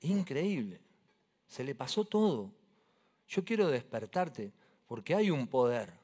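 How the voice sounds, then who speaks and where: A man's voice: medium pitch, big pitch swings, slow pace, darkish tone, husky. A man with a Rioplatense Spanish accent preaching a sermon, telling personal stories in a conversational way and joking with the audience.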